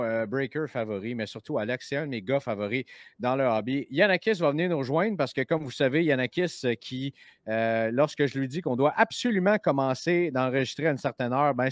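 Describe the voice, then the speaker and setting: A man with a Québécois French accent, hosting a casual chat show, lively and quick, with many fillers and restarts. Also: medium pitch, dry recording, clean studio sound. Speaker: podcast host.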